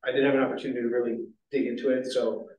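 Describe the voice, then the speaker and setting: A man's voice: mid-range voice, level tone, very fast, darkish tone. A man chairing a city zoning board meeting, talking in a rambling way with many fillers and restarts. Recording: echoey meeting room, distant mic.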